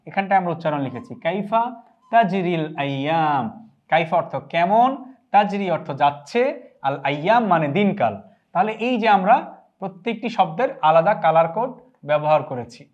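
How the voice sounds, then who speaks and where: A man teaching phrases in an online lesson, patient and repeating each phrase slowly and clearly. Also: high voice, lo-fi sound. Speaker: language teacher.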